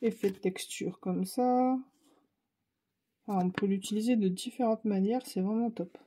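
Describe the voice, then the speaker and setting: A craft channel host with a Ch'ti accent from northern France chats casually with viewers as she tries out art supplies, thinking aloud while she paints. Her mid-range voice is mellow and husky, moving at a normal speed.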